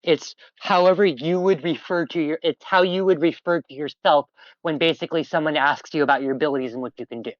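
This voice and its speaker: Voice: mid-range voice, brisk, dry recording. Chatty game master, dull lo-fi audio. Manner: explanatory, chatty, lots of fillers. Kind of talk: running a tabletop game on stream.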